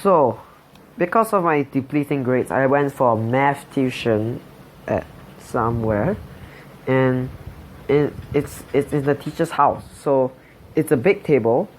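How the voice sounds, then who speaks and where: A young man in his late teens from Singapore, whose first language is Chinese, tells his life story as a channel host. His medium-pitched voice-over is slow and hesitant, packed with fillers and restarts, with slight background noise.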